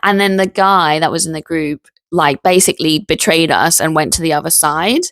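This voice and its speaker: A woman talking in a casual vlog, indignant and animated, spelling out sensitive words letter by letter and laughing in disbelief. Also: sits low, normal speed, dry recording, clean studio sound. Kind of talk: casual spoken vlog monologue.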